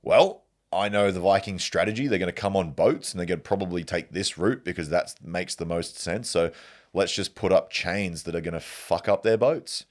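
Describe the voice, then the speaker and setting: Guy doing a scheming army commander, deep and matter-of-fact. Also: moderate pace, lightly acted. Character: calculating male commander explaining a defense plan.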